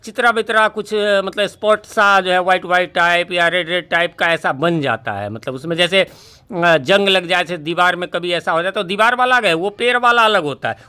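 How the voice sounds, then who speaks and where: A man teaching who explains a poem line by line, reading the words slowly, then asking and answering his own questions. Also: high voice, sharp tone, clean tone. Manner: explains slowly, reads English lines word by word. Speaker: English teacher.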